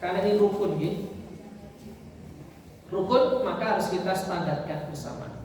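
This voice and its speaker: A man with a Javanese accent, a mosque teacher, leading a lesson on prayer recitation and telling stories in an animated way. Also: high-pitched, normal speed, slight background noise. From East Java, Indonesia. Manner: animated storytelling, Javanese phrases mixed in. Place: mosque hall. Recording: echoey hall from far off.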